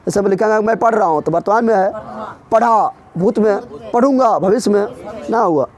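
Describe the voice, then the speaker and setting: A man teaching a grammar revision lesson in a classroom, drilling his students with quick repeated questions. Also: high-pitched, darkish tone.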